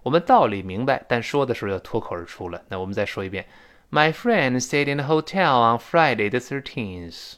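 A man teaching spoken English, explaining pronunciation patiently and reading the example lines slowly so listeners can repeat them. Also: medium pitch, lively intonation, fairly bright tone.

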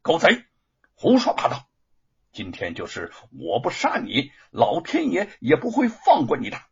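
Male scholar hero from a storybook, captive but defiant, fierce indignant tone; husky, muffled sound, read by a man. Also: a little high, huge pitch swings, a little slow, pitched above the performer's own voice, heavily acted. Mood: furious.

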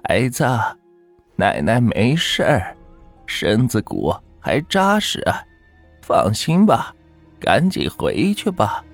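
A man voicing a gentle old grandmother, over 60, who speaks slowly and softly. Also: medium pitch, wildly swooping pitch, vocal fry, faint music behind, exaggerated voice. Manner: slow, soft, drawn-out speech.

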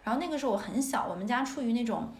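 Lively, fast-talking woman storyteller in a roomy space. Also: a little high. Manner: animated, laughs often while telling stories. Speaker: podcast host. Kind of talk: casual storytelling chat. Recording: roomy echo.

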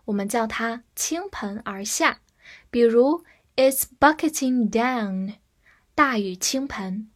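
A woman teaching English vocabulary. She spells each word letter by letter and repeats the example phrases slowly. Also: a little high, a bit bright. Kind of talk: slow, clear vocabulary lesson.

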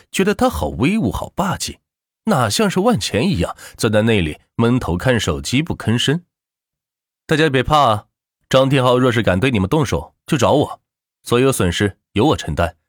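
A man reading a web novel aloud in animated audiobook narration, close to the mic. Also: lowish voice, no echo. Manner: animated storytelling with expressive rises and falls.

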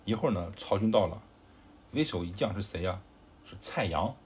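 Low-voiced father telling a story. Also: expressive, normal speed, slight background noise. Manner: chatty, explaining, with fillers and asides. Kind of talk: casual storytelling.

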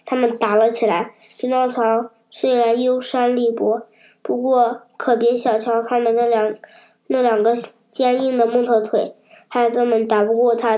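A woman's voice: on the high side, mellow. Woman reading a children's story aloud.

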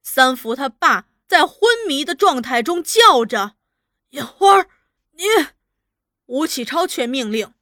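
A woman narrating a dramatic novel in measured, vivid storytelling. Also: high voice, expressive, bright, forceful tone, no echo, studio quality.

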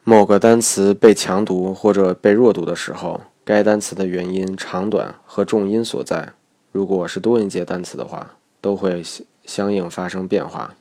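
A man with a very low voice narrates a recorded language lesson. He explains each point step by step in a measured, methodical way. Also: steady tone, warm tone. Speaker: English pronunciation teacher.

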